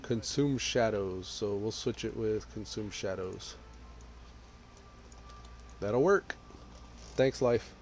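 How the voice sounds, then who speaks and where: This Texan streamer has a lowish voice and talks slowly, pausing often, with a little background hiss or hum. Relaxed and casual, he comments on the game he's playing and reads his chat out loud.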